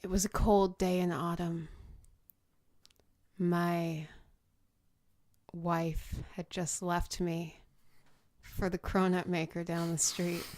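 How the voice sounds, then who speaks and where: A woman's voice: on the low side, no echo. A woman co-hosting a comedy podcast, narrating her part of an improvised story in a plain, easygoing way.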